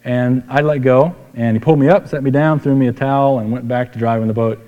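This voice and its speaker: Here a middle-aged man delivers a sermon full of personal anecdotes, talking fast in a folksy, chatty way and repeating phrases to drive points home. His pitch is medium and his intonation fairly even. The sound is phone-quality, captured in an echoing hall.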